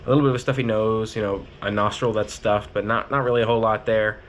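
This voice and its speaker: This male vlogger talks fast in a steady, fairly low voice, sounding stuffy-nosed but upbeat and jokey as he records a casual video diary. He's inside a car with his phone mounted on the steering wheel, and there's slight background noise.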